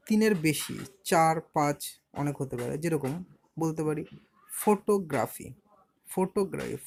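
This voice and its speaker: A man teaching a beginner language lesson, patiently explaining, spelling words out letter by letter and slowly stretching syllables. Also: fairly high pitch, gravelly, a little mellow. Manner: patient, explanatory, asks and answers his own questions.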